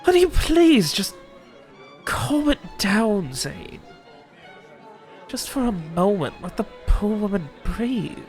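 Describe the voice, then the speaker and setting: A man's voice: high voice, big pitch swings, slow pace, long pauses, a little mellow, soft background music, voice pushed up, exaggerated voice. A man voicing a flirty, party-loving noblewoman in a tabletop game, teasing and bubbly. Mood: coaxing.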